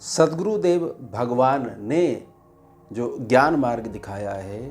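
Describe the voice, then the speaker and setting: Guy explaining spiritual stuff real slow n steady, soft music behind him. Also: mid-range voice. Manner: slow, measured explanation with pauses. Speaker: spiritual teacher. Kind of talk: devotional teaching talk.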